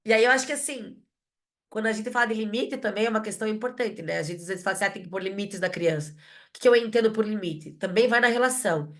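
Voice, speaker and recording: A woman's voice: mid-range voice, quick pace, a bit bright. A woman, a mother and psychologist, talking reflectively in a casual podcast chat, often checking in with tag questions.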